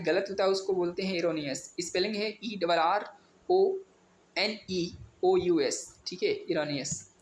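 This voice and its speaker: A man teaching an exam vocabulary lesson, spelling words out letter by letter and mixing in English definitions. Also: high voice. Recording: echoey room with faint ambient noise.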